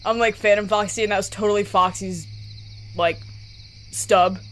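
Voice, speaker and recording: A woman's voice: mid-range voice, fairly even intonation, moderate pace, fairly bright tone, slight background noise, natural voice. A woman voicing a laid-back ghostly male fox animatronic who talks in a rambling surfer style.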